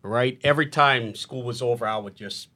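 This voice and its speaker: A man's voice: mid-range voice, moderate pace, bright, forceful tone. A man from Guyana, a boxing coach, telling stories in a laid-back way with emphatic repeats in a studio interview. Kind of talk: casual interview storytelling. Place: podcast studio.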